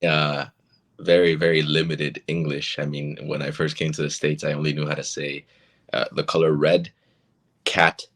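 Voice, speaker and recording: A man from Argentina with Spanish as his first language, a guest actor telling stories in a relaxed, casual interview. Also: very deep voice, normal speed. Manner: relaxed, storytelling, many fillers.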